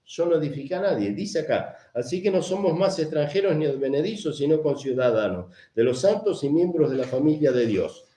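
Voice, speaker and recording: Emphatic Argentine preacher in echoey room. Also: male voice, fairly high pitch, lively intonation, a little fast, few pauses, warm tone. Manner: emphatic, repeats phrases, asks and answers his own questions. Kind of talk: sermon. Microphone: camera mic.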